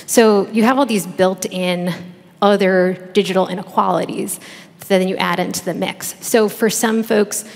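A woman's voice: mid-range voice, fairly even intonation, normal speed, creaky, a little mellow. Woman panelist in a reverberant hall. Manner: thoughtful, many fillers and restarts. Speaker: panelist, researcher and author. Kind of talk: panel discussion answer. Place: large conference stage. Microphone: headset mic. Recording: long reverb of a large hall.

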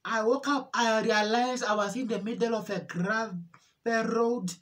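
A woman with a fairly high voice gives an emotional religious testimony. She repeats phrases over and over, pleading, and her voice climbs into cries as she stumbles through restarts. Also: fairly even intonation. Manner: repetitive, pleading, voice rising into cries; halting, with restarts. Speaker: testimony speaker.

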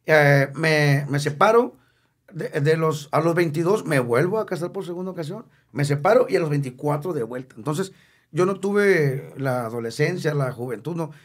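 A Mexican man in his fifties with a husky, slightly raised voice. He talks openly and with feeling as an interview guest. He jokes easily and leans on repeated words to drive a point home. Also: a little high, animated, normal speed. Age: 50s. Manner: emotional, candid, jokey, repeats words for emphasis. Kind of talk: candid casual interview.

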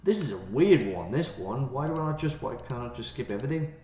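A man's voice: mid-range voice, expressive, fast, warm tone. A man playing through a game, reading its text aloud and reacting with playful, jokey asides. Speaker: gaming channel host. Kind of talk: let's play commentary. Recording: roomy, slightly dull, game music behind.

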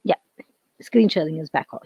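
A woman lecturer with an Indian English accent teaching over a video call, her voice going hoarse and her throat often cleared. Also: low voice, normal speed, warm tone, dry recording, dull audio. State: losing her voice. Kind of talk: online lecture.

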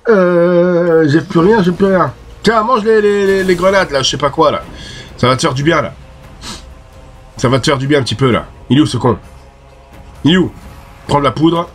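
A man with a French accent commenting on his own gameplay, excitable, swearing and shouting at the enemies. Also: fairly high pitch, moderate pace, long pauses, soft background music. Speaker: gaming video host.

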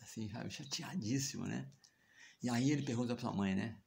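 A man's voice: mid-range voice, moderate pace, vocal fry, a little mellow, a little hiss or hum. A man with a Brazilian accent retelling a scripture story in a chatty way, often asking listeners to agree. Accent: Brazilian Portuguese. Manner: chatty, frequent tag questions and chuckles. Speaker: devotional teacher.

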